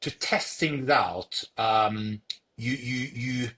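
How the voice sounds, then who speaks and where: Answering questions about his startup, a young man from Norway speaks in a bright, forceful, steady voice pitched in the middle for a man. Norwegian is his first language, and his replies are halting and hesitant, with many fillers and repeated words.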